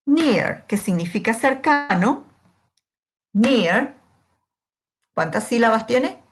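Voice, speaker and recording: A woman's voice: on the high side, expressive, slow pace, a little hiss or hum. A woman teaching English grammar step by step, patiently asking questions and answering them herself. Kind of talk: slow, step-by-step grammar lesson.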